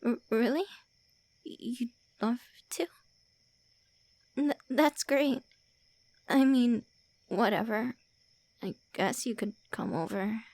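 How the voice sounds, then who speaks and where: Taking her time and pausing often, a woman with a fairly high, slightly mellow voice whispers through an ASMR roleplay with no echo. She portrays a flustered, secretly shy vampire lord, ages old yet seemingly in her early twenties, who stammers and throws insults at the listener in gruff, tsundere teasing.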